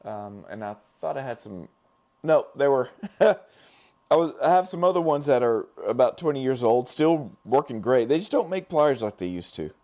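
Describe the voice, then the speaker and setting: This middle-aged man's voice is mid-range, darkish, expressive and hoarse, as if he's losing it, and he speaks at a moderate pace. Working as a dental lab technician on a casual live stream, he rambles to viewers with fillers and restarts.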